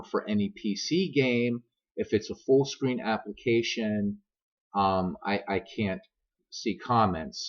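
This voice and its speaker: Male gaming streamer, American accent, lowish voice, rambling and self-deprecating, dull laptop-mic sound. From grew up many years in America; also Irish. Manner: self-deprecating, joking, digressive. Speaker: streamer and gaming video host. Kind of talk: casual rambling chat to viewers.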